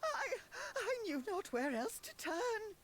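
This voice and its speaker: A woman's voice: very high-pitched, sing-song, slow pace, soft background music, full character voice. A woman voicing a distraught, tearful noblewoman in a game, pleading through sobs. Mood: tearful distress. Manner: sobbing, breathless pleading. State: crying. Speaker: game character.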